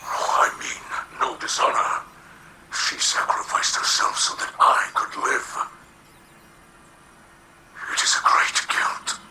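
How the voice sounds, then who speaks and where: A man voicing a weary, guilt-ridden alien leader in a video game, halting and formal, with a breathy, gravelly voice. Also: sharp tone, whispered, rough recording. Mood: mournful, guilty. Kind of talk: dramatic video game acting.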